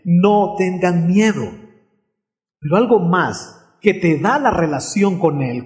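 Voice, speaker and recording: A man's voice: fairly high pitch, darkish tone. A man preaching a sermon in an earnest way, often asking his listeners questions.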